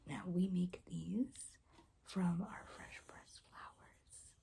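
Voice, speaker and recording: A young woman in a whispered role-play as a caring rainbow fairy, speaking in a gentle, reassuring, breathy whisper. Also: fairly low pitch, steady tone, slow, slight background noise. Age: young adult. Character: caring, soft-spoken rainbow fairy guide. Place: small room indoors.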